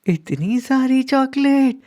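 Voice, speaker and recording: A man voicing an eager, remorseful young village boy in a cartoon, talking high and excitedly. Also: takes it slowly, exaggerated voice. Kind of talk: cartoon voice acting.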